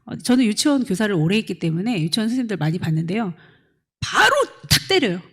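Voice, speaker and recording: A woman's voice: mid-range voice, fast talker, breathy edge. A middle-aged woman pastor preaching to young adults, acting out quotes and calling on listeners by name. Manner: animated, acts out quotes, questions listeners by name. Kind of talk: lively sermon to a young adult congregation.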